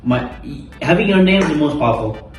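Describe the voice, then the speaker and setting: A man's voice: on the high side, lively intonation, brisk. A young man, a content creator, chatting casually and emphatically, repeating his words and swearing freely. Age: young adult. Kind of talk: casual chat during a mukbang. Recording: echoey room, distant mic, background music.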